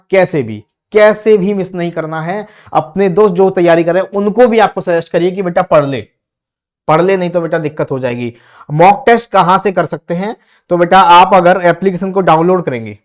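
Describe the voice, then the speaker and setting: High-voiced coaxing exam teacher. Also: male voice. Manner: repetitive, coaxing, calls listeners beta. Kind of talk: motivational exam-prep lesson.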